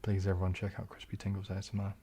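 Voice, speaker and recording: A man with a soft New Zealand accent, often taken for British, hosts an ASMR livestream on YouTube, reading and answering viewer comments. His voice sits low and is hushed, breathy, and often half-whispered, with a completely flat delivery that is polite and halting.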